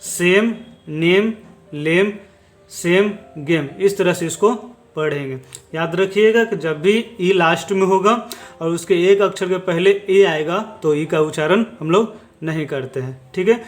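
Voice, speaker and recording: Male teacher, slightly high voice, patient, repetitive letter-by-letter explaining, light music behind. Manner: slow, repetitive, spells out each letter. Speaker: English teacher. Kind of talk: explaining lesson.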